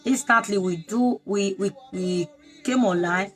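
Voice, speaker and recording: A woman's voice: medium pitch, measured pace, soft background music. A woman leading an online prayer sermon, preaching fervently with lots of repetition. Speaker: prayer leader.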